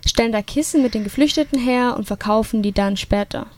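A woman's voice: fairly high pitch, brisk. A twenty-year-old woman student describing her project tentatively, with many fillers. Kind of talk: studio interview.

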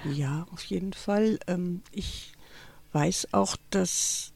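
A woman's voice: fairly low pitch, takes it slowly, creaky, breathy edge, no echo. A woman author who reads her novel aloud expressively and then answers questions in a thoughtful, hesitant way. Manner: expressive reading, thoughtful with fillers when talking.

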